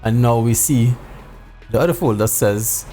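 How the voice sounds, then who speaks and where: A man's voice: mid-range voice, unhurried, dark tone, soft background music. A middle-aged man giving a casual tutorial to viewers, informal and repeating phrases for emphasis. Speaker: sim racing video host. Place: indoor home room.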